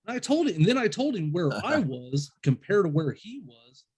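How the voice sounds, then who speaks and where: A man's voice: sits high, sing-song, moderate pace, darkish tone, slightly rough. A man hosting a casual interview, rambling through stories and acting out what people said. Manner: rambling storyteller, acts out quoted voices. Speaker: podcast host.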